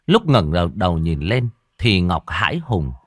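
Deep-voiced man narrating a horror story. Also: normal speed, dry recording. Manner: dramatic, expressive reading.

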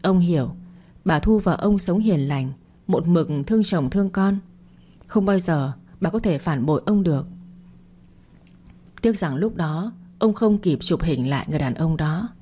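A woman narrating an audio story in a steady, dramatic storytelling manner. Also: fairly low pitch, measured pace, a little hiss or hum. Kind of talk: scripted narration.

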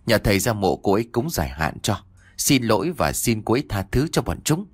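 A man voicing a calm, practical older village woman in a storybook ghost tale, speaking in a slow, level way. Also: lowish voice, breathy edge, no echo, studio quality.

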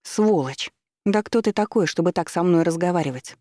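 A man voicing a spoiled, hysterical rich young woman who talks in a shrill, indignant way. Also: fairly quick, dark tone, dry recording, clean studio sound.

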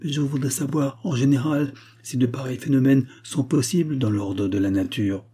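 A man's voice: mid-range voice, normal speed, warm tone, slightly rough, natural voice. A man voicing a distressed young noblewoman, anxious and pleading, in a novel reading.

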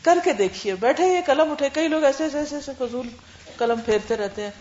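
A woman's voice: high-pitched, animated, a little mellow. A woman teacher lecturing her class, explaining points in short lists and rhetorical questions. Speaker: religious studies teacher. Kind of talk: classroom lecture answering students. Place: lecture room. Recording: roomy classroom, dull sound, faint hum.

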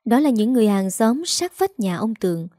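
Mellow woman narrating a story. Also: fairly high pitch, lively intonation, brisk, dry recording, clean studio sound.

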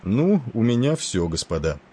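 A man voicing a genial, wisecracking male ship's doctor with an Irish accent, talking with rough familiarity. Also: lowish voice, sing-song, normal speed, dark tone, voice pushed up.

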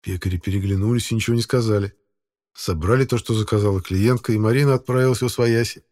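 A man narrating an audiobook in a steady, even storytelling manner. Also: fairly low pitch, fast talker. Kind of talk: scripted narration.

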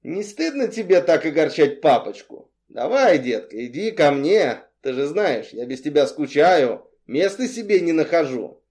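A male audiobook reader voicing a smug male crime boss who taunts in a drawn-out, mock-tender way. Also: a little high, animated, dark tone. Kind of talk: audiobook character reading.

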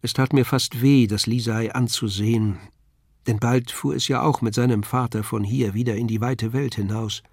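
Calm male audiobook reader, dry sound. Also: medium pitch, creaky, no room sound. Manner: calm, measured, expressive storytelling. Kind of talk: literary audiobook reading.

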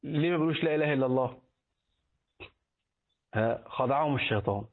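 A man's voice: medium pitch, fast talker. A middle-aged man with an Egyptian accent, giving a religious lesson as a sheikh, who repeats words aloud and quizzes his listeners. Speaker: sheikh teaching hadith and jurisprudence. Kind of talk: religious lesson, colloquial explanation. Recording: tinny phone-like recording.

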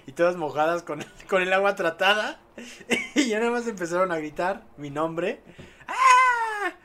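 A man's voice: high voice, big pitch swings, unhurried, pauses often, a bit bright. A young man with a Mexican accent hosting a late-night podcast, rambling with fillers and crude jokes. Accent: Mexican Spanish. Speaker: podcast host. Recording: faint music behind.

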